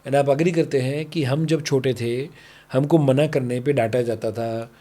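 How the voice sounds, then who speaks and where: A man's voice: mid-range voice, steady tone, unhurried, mellow. A man from India, a parenting coach, talking on a podcast and acting out dialogues between parent and child. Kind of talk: podcast conversation, Hindi-English mix.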